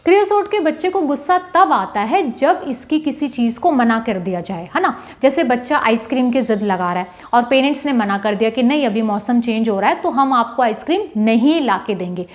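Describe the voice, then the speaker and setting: A woman with a high voice, teaching a lesson in a lively, animated way. She acts out a child's pleading demands and keeps checking that her listeners follow, slipping English terms in as she explains. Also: normal speed, few pauses. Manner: mixes English terms into Hindi, asks "है ना?" often. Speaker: homeopathy teacher. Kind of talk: explanatory lecture.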